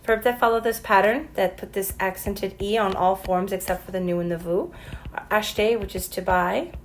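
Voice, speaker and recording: A woman teacher talks through a recorded French lesson, spelling out letters one by one and slowing down for example sentences. Her voice sits at a medium pitch. There is a faint noise in the recording. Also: low-quality recording.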